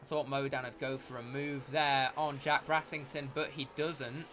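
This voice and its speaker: A man giving live motorsport commentary as a race commentator, with an excitable delivery that rises at incidents. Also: medium pitch, normal speed, a little hiss or hum.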